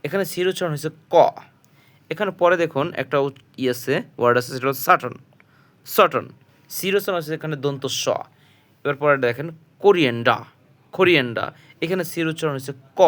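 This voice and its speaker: A man with a Bangladeshi Bengali accent teaches English pronunciation in a slightly high, somewhat bright voice. Patient and repetitive, he spells words letter by letter, and he asks the class a question before answering it himself.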